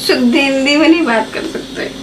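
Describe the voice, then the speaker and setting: A woman's voice: high-pitched, moderate pace, far from the mic, background noise. An Indian woman on a phone call with her husband, talking in a pleading, insistent way. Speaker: wife pulling a prank.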